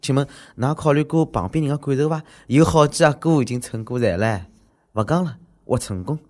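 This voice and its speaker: A man's voice: mid-range voice, a little fast, darkish tone, a little hiss or hum. A man with a Shanghainese accent delivering exclamatory, mocking, slangy comic news commentary as a show host.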